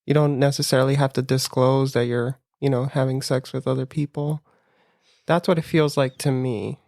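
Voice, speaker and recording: A gravelly co-host talks frankly and casually. They press the others with direct questions. The recording is dry and close. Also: medium pitch, flat delivery, normal speed, darkish tone, no echo. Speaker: podcast co-host. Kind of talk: casual discussion.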